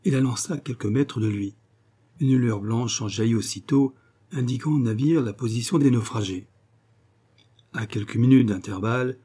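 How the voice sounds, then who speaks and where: A man narrates an adventure novel in a measured, steady way. His voice is mellow and dark, with a husky grain, and his pitch sits in an ordinary middle range. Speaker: audiobook narrator.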